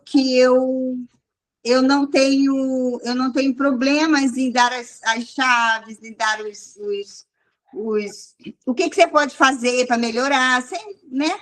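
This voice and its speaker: A woman sharing a casual, rambling testimony with a church group, restarting often. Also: high-pitched. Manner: rambling, restarts often, quotes people in raised voice. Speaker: group leader.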